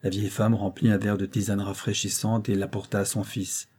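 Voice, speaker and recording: A man narrating a classic novel in a measured, literary reading style. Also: lowish voice, flat delivery, a little mellow, breathy edge. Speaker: audiobook narrator.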